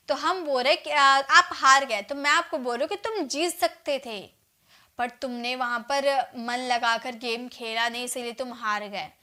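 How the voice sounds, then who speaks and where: Explaining English grammar in Hindi, an Indian woman dictates her example sentences slowly, word by word. Her voice is high with a sharp tone.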